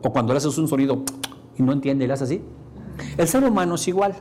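A man's voice: medium pitch, lively intonation, fast, warm tone, a little hiss or hum. A man giving a lecture to an audience, asking them questions and acting out the voices he quotes. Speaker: course speaker.

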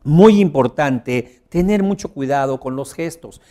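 A man leads a public speaking teleseminar in a slightly high voice. He swings between loud, forceful phrases and near-murmured ones, pausing often with filler sounds. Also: animated. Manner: strongly modulated, rising and dropping volume for emphasis; frequent fillers, slow deliberate phrasing. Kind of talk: teleseminar lecture.

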